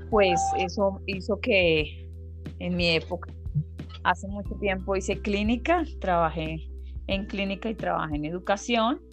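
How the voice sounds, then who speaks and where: Colombian woman guest, middle-aged, low-ish voice, measured and articulate, faint music. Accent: Colombian Spanish. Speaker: occupational therapy professor, guest. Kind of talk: podcast interview.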